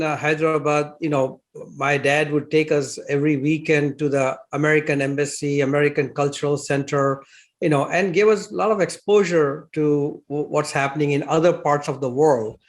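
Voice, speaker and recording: A man's voice: fairly high pitch, steady tone, normal speed. Older Indian man telling his story. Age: 60s. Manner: reflective, chuckles between phrases, frequent "uh" fillers. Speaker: interview guest. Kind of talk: storytelling interview talk.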